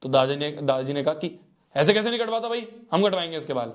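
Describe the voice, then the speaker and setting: A young man, a teacher telling a childhood story to his students in a playful, animated way. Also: fairly high pitch, quick pace.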